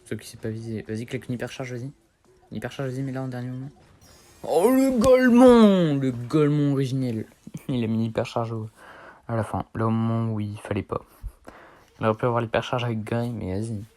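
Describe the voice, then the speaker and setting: A man's voice: medium pitch, level tone, quick pace, a little mellow. A teenage boy chatting casually over his gameplay, rambling in slang and correcting himself as he goes. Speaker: gaming streamer.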